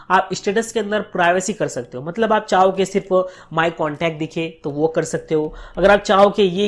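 A man hosting a casual tech tutorial, talking viewers through phone settings step by step with constant filler phrases. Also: high voice. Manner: chatty, leans heavily on fillers like "here" and "what is"; friendly, asks viewers directly for likes. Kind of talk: casual screen-recorded tutorial narration.

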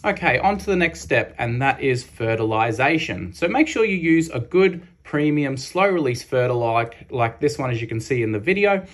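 A man's voice: mid-range voice, lively intonation, normal speed, hardly any pauses. A man in his thirties with an Australian accent, a lawn care host giving a practical step-by-step voice-over with casual fillers. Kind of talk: instructional voice-over.

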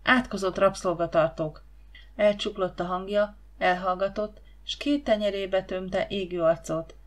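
A woman reading an audiobook in calm, even storytelling narration. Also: mid-range voice. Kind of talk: scripted narration.

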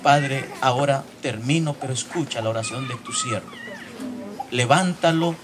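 A man's voice: fairly high pitch, wildly swooping pitch, normal speed, background noise. A man leading a fervent spoken prayer in church, pleading and at times crying out, originally from Latin America. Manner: pleading, crying out, rising to shouts.

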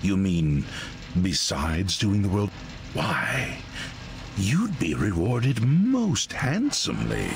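Gravelly, oily villain recruiter. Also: male voice, lowish voice, huge pitch swings, slow pace, heavily acted. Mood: silky menace. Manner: oily, theatrical, condescending. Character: suave sinister male recruiter, villainous.

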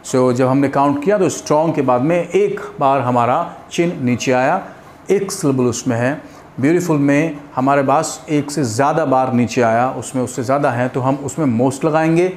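With an Indian accent and a mid-range, slightly mellow voice, a man teaches an English grammar lesson in a mix of Hindi and English. He slows right down to spell out each English example, and there's slight background noise.

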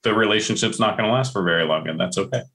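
A man with a fairly low voice talks as a guest on a casual podcast. He is passionate and emphatic and repeats key phrases for stress. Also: very fast, sharp tone.

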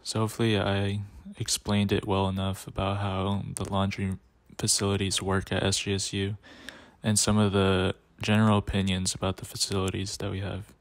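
Flat low-voiced young man reading. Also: normal speed, dry recording. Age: young adult. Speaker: student presenter. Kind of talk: read-aloud class project narration.

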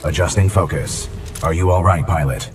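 An actor voicing a damaged male combat robot in a video game, low on power and rebooting, speaking in a flat, measured machine way. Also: natural voice. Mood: steady. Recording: distant voice under loud game music.

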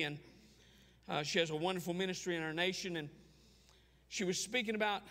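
A male pastor tells a story from the pulpit, slow and deliberate, with many pauses. His voice sits high and has a gravelly edge. A long reverb from the church sanctuary hangs behind every phrase. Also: a bit bright. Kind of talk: storytelling sermon.

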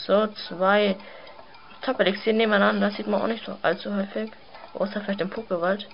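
A woman giving casual gameplay commentary, muttering relaxed asides. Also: mid-range voice, a little fast, creaky, slight background noise. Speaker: let's player. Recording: slightly dull sound, game music behind.

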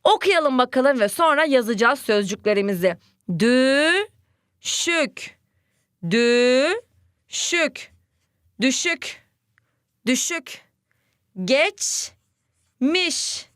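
A young woman teaching first graders to read. She sounds cheerful and speaks slowly, repeating each word aloud for the children. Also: high-pitched, a bit bright, no echo, clean studio sound. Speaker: primary school teacher. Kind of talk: children's reading lesson.

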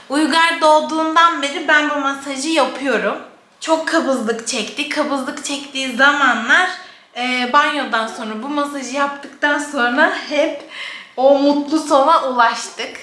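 A woman's voice: high-pitched, pushed and bright. A young woman, a mother, giving a casual hands-on demonstration at home while talking to her baby in affectionate sing-song asides. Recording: roomy echo, faint background noise.

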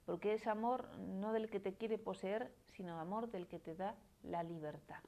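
Andalusian lady psychoanalyst in her 40s, live stream talk, explains stuff and keeps tagging "¿no?", middle pitch. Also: normal speed, dark tone. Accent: Spanish from Málaga. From Spain. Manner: explanatory, tags phrases with questioning "¿no?". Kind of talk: live-streamed talk answering viewer comments.

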